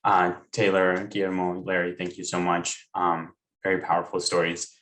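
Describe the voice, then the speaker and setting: Young man, low voice, from Maryland, earnest, reading his own writing aloud, video call. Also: completely flat delivery, normal speed, a bit bright, poor audio. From United States (raised in Maryland). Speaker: panel speaker and author. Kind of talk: online panel talk, then reading a book excerpt aloud.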